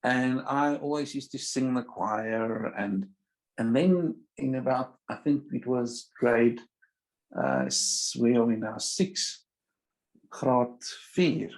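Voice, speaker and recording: A South African man with an Afrikaans accent talks casually as a guest on a video call. His voice is mid-pitched, and he feels his way through sentences with pauses. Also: expressive, low-quality recording. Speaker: interview guest, musician. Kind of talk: casual chat.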